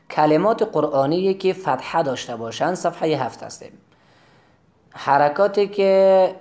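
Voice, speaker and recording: A man's voice: fairly high pitch, a little mellow. Man teaching Quran letters. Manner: slow, drawn-out letter drills between quick explanations. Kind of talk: recorded lesson.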